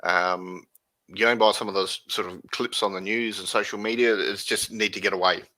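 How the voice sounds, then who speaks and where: A man's voice: fairly low pitch, fairly even intonation, moderate pace, sharp tone, low-quality recording. A man running a tabletop game who narrates in a loose, rambling way. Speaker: game master.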